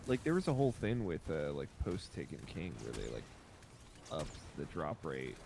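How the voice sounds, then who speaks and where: Young male game streamer, casual and easygoing, creaky and animated, with noise behind the voice. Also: extremely low pitch, normal speed. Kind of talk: casual chat while gaming.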